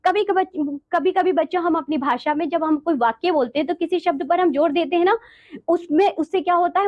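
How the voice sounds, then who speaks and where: A woman teaching a lesson to children, her voice bright and high. She explains step by step with patience, calling on the class as she goes, and her pitch rises and falls a great deal.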